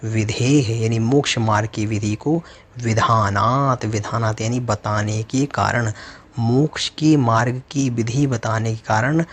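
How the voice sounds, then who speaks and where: A man teaching as a religious lecturer, chanting verses slowly and then explaining them with rhetorical questions. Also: lowish voice, breathy edge. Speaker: Jain teacher. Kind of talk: scripture recitation and explanation.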